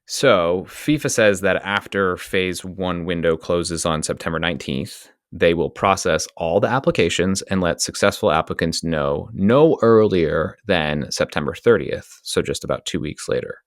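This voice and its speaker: A man's voice: low voice, normal speed, hardly any pauses, no echo, studio quality. A man co-hosting a podcast in casual conversation, chatty and prone to restarting his sentences. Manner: chatty, stumbles and restarts when animated. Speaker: podcast co-host. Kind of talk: casual chat.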